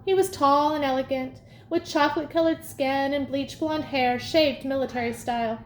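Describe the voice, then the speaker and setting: A woman reading a storybook aloud in a lively first-person telling. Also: high-pitched, moderate pace, slight background noise. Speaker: audiobook reader. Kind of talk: storybook narration. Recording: echoey room, faint ambience.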